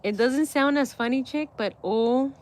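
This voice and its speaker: A woman's voice: high voice, a little slow. A middle-aged woman hosting a livestream and telling a story to her viewers in a casual way, laughing often as she goes. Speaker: livestream host.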